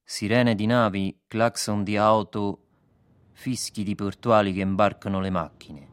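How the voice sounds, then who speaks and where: Male announcer, low voice, very slow measured reading of stage directions, dry. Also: fairly even intonation, clean tone, no echo. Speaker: scene announcer.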